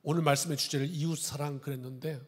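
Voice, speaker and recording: A man's voice: fairly high pitch, steady tone, fast talker, husky. A man preaching a sermon as a pastor, reading scripture aloud and then explaining and exhorting the congregation. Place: church sanctuary. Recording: long hall reverb.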